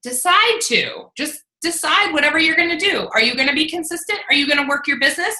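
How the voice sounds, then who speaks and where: A woman coaching a fitness team in casual talk, energetic and rambling, laughing often. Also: high-pitched, fast talker. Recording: roomy echo.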